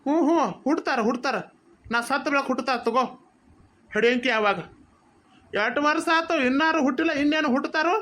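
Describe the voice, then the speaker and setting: A woman's voice: sits high, a little fast, long pauses, a bit bright, pitched below the performer's own voice. Woman doing a sneering drunken husband. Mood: taunting. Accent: North Karnataka Kannada. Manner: taunting, sneering. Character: mocking drunken husband, scornful and cruel.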